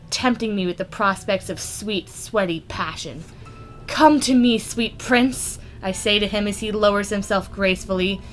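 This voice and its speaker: Woman reading a story aloud, comedic and theatrical, bright tense voice, faint music behind. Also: mid-range voice. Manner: theatrical, swings between squeals and hushed mock-seduction. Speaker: story reader.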